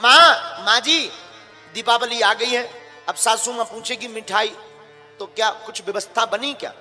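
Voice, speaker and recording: A man's voice: very high voice, unhurried, bright, forceful tone, heavily acted. A male preacher voicing a worried young daughter-in-law who pleads with her mother during a sermon story. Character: young newly married woman, anxious daughter-in-law. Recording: long hall reverb, faint music.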